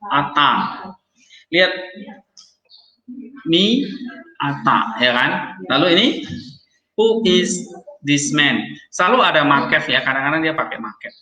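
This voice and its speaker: A man's voice: fairly high pitch, animated, a little slow, long pauses, bright, forceful tone, reverberant, low-quality recording. A man teaching a grammar lesson, explaining step by step and checking in often with his students. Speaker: Hebrew teacher.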